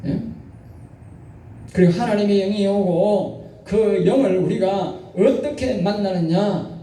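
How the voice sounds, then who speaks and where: A man's voice: sits high, mellow. A male pastor preaching a sermon, exhorting the congregation and often asking them to respond. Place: church sanctuary. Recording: echoey church hall from far off.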